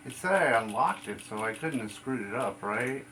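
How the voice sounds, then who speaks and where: A man's voice: mid-range voice, lively intonation, normal speed, fairly bright tone. A man doing a casual let's play, talking through a game and reading its dialogue aloud. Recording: noticeable background noise.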